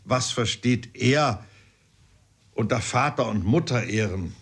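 A man's voice: medium pitch, lively intonation, slow pace, a bit bright, husky, full character voice. A man reading an audiobook, voicing a pompous, learned older father who lectures emphatically. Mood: lecturing.

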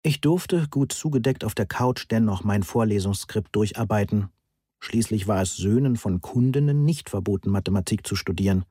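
A man narrates a novel in the first person, measured and understated. His voice is low, dark and slightly husky. The recording is close and dry, with no room around it. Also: animated, dry recording. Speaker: audiobook narrator.

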